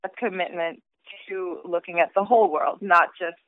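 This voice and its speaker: A Swiss-raised woman in her thirties discusses her book casually in an interview, thinking aloud thoughtfully with lots of fillers and restarts. Her voice is fairly low with fairly even intonation and a moderate pace, and the dry recording has a tinny, phone-like sound.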